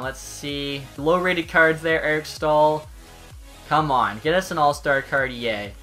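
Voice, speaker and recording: A man's voice: a little high, bright, forceful tone. A young man giving casual, chatty video game commentary, reacting informally as he goes. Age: young adult. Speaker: video game streamer opening card packs. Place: indoor room at home, webcam.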